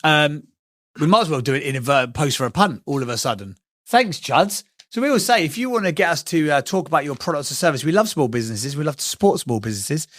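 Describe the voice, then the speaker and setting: A male podcast co-host with a somewhat high voice, playful and teasing in casual chat. He moves quickly between jokes and questions for his guest. The sound is close and dry. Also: animated, a bit bright, no room sound. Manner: playful, teasing, bursts into silly singing.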